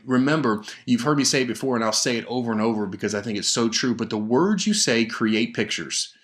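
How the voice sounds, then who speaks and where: A man talks straight into a podcast microphone, coaching salespeople in an emphatic, energetic way. His voice sits at an ordinary middle pitch. He often restarts his sentences and throws out rhetorical questions. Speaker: podcast host and sales trainer. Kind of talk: solo podcast coaching talk. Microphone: studio microphone.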